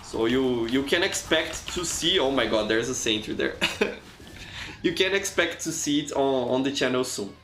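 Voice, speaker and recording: A Brazilian man, a native Portuguese speaker with a Brazilian accent, streams a game and chats casually, restarting and repeating words often and reading the chat aloud. His medium-pitched voice is fairly bright, with lively intonation, a moderate pace and reverberant sound.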